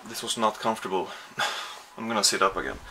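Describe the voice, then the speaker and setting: In a rough recording with slight background noise, a young Swedish man vlogs casually from his small apartment, rambling and putting himself down while holding the camera at arm's length. He speaks fairly quickly in a voice on the low side, bright and forceful.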